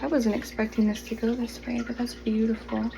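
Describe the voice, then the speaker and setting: A woman giving a channeled tarot reading to the viewer, speaking gently, slowly and reassuringly, drawing out her words. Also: on the high side, flat delivery, gravelly, noisy background. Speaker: tarot reader. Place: home, pets nearby.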